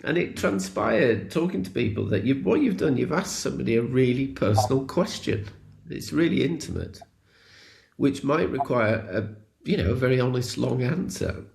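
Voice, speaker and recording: Gravelly british isles guy, lively up-and-down voice, rambles candidly. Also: mid-range voice, normal speed. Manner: candid, rambling, with laughs and swearing. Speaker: co-host. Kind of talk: casual conversation.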